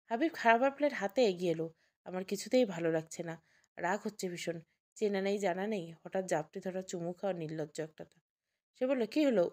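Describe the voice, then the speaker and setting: Mellow-voiced woman narrating a story. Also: medium pitch. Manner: first-person narration with acted dialogue. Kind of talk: dramatic audio story narration.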